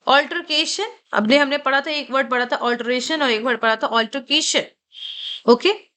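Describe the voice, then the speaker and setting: Indian-accented woman tutor, high voice, unhurried, drills pronunciation word by word. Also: sharp tone. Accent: Indian English. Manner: repeats each word slowly and clearly for pronunciation practice. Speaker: English vocabulary teacher. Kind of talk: exam-prep vocabulary lesson, Hindi mixed with English.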